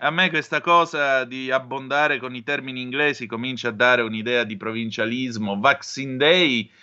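A man's voice: mid-range voice, fairly even intonation, normal speed, bright, forceful tone, clean tone, highs cut off. A man from Calabria reading news aloud, then giving opinionated personal commentary and appealing directly to his listeners. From Calabria, southern Italy.

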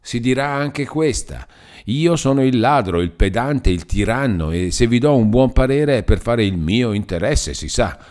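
A man playing a gruff, sarcastic old-fashioned uncle. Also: deep voice, lively intonation, moderate pace, a little mellow. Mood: bitter, sarcastic. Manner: brusque and grumbling. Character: gruff, sarcastic, grumbling middle-aged uncle. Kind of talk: audiobook character reading.

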